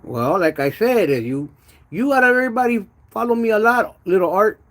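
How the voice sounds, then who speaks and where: Man, slightly high voice, wet lisp from missing front teeth, halting casual car vlog chat, slangy with Spanish words. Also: lively intonation, a bit bright. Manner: halting, stammered repetitions with pauses to manage saliva; slangy, uses "homie" and "dog", drops in Spanish words. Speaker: car project vlogger. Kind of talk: casual livestream chat about car work.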